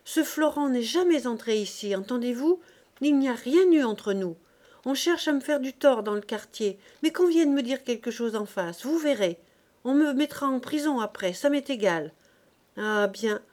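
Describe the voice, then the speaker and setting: A woman doing a fiery, shrill fishwife. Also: unhurried, mellow, close to an everyday voice. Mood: furious. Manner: shrill, indignant outbursts. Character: fiery young woman fishmonger, quick to rage.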